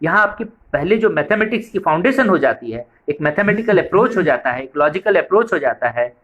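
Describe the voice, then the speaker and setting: A man's voice: high voice, big pitch swings, fairly quick, a bit bright, lo-fi sound. A man giving a training lecture on a preschool method, explaining step by step and repeating points for emphasis.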